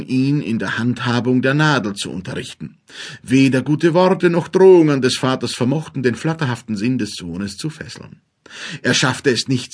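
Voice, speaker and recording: A man narrating a fairy-tale audiobook in a measured storytelling manner. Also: medium pitch, husky.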